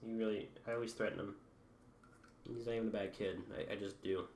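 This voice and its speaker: A man's voice: fairly low pitch, level tone, quick pace, darkish tone. A teenage boy hosting a podcast, telling rambling, profane stories in a casual chat and laughing at his own jokes. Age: teens. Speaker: podcast host. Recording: echoey room with faint background hum.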